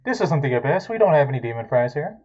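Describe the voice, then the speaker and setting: A man voicing a bored drive-thru worker at a fast-food shack in hell, taking orders flatly through a muffled drive-thru speaker. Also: on the high side. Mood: matter-of-fact. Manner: flat, matter-of-fact order-taking. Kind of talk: tabletop game role-play.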